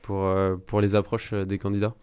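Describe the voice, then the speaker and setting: A man hosts a casual podcast, putting short questions and brief friendly replies to his guest. His voice is low and smooth, recorded close and dry with no room sound. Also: monotone, moderate pace, darkish tone, no echo. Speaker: podcast host.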